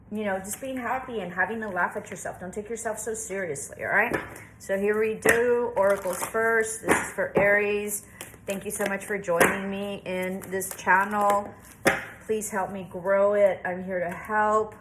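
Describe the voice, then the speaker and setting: A tarot reader from the Southwestern United States, a woman with a mid-range voice, gives a casual reading to camera, chatty and reassuring as she thinks aloud with lots of fillers. There's a slight hiss or hum on the audio.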